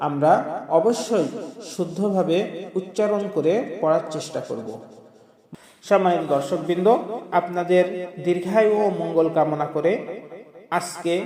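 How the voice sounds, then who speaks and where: A man teaching Quran recitation word by word, drawing out the syllables melodically and breaking off for quick explanations. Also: on the high side, dark tone, roomy sound, big-room sound. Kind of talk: slow word-by-word recitation lesson.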